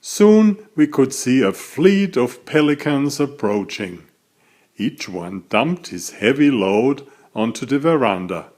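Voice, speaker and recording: A man narrates a children's tale he wrote himself. His voice sits in the mid range, and his delivery is deliberate and full of expression.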